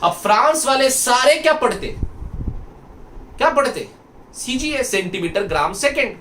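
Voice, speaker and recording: Male physics teacher, high voice, slow and playful storyteller, recorded far off in an echoey room. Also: lively intonation, pushed and bright, a little hiss or hum. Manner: playful storytelling with rhetorical questions; colloquial, dramatic teasing asides. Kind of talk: lively classroom lecture.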